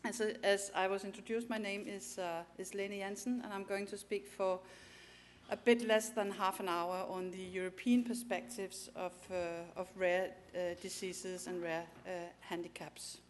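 In a conference hall, a woman who speaks Danish natively and has a Danish accent gives a presentation at a moderate pace. Her mid-range voice is flat, she hesitates with lots of fillers and restarts, and there is slight background noise.

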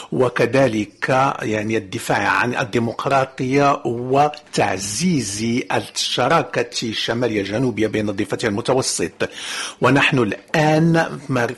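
Husky man interpreting speeches live. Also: mid-range voice. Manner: halting, with frequent cut-off words and restarts. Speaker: simultaneous interpreter.

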